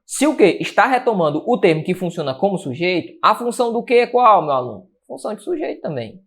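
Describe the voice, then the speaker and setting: Energetic exam-prep teacher. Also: male voice, high voice, fast talker. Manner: energetic, asks and answers his own questions. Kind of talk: lively exam-prep lecture.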